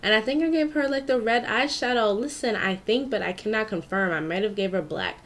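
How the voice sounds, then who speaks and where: A woman recording a casual voiceover at home, hyper and playful, calling her viewers "honey" and swinging between loud squeals and low mutters. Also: brisk. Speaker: YouTuber narrating a game makeover.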